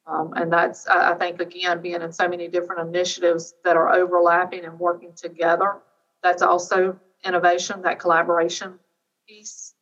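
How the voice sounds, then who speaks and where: A woman's voice: on the low side, monotone, brisk, fairly bright tone. A middle-aged woman giving an earnest, unscripted answer as an interview guest, hesitating and piling up lists. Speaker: educator, podcast guest. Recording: distant mic, slightly dull sound.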